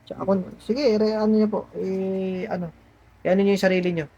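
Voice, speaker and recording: A man's voice: sits high, flat delivery, brisk, mellow, muffled recording. A man working as a spiritual healer, coaxing and reassuring his patients indoors and repeating himself as he explains. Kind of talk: explaining to patients during a healing session.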